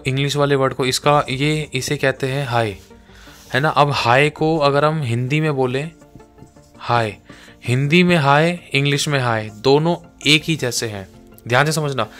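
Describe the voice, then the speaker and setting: Emphatic male preacher over soft music. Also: a little high. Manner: repetitive, emphatic, addresses listeners directly. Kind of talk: sermon.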